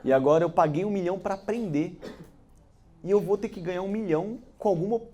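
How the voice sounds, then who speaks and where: A man with a Brazilian Portuguese accent giving a motivational business talk, telling stories lively, acting out dialogue and laughing along. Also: high-pitched, fast talker. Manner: animated, acts out dialogue, laughs through stories. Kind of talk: storytelling talk to an audience.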